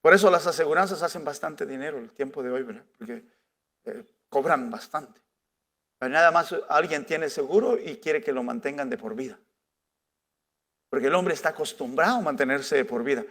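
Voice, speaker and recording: A man's voice: on the high side, a little fast, fairly bright tone. A male pastor preaching a conversational sermon, full of rhetorical questions. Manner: rhetorical questions with frequent "¿verdad?".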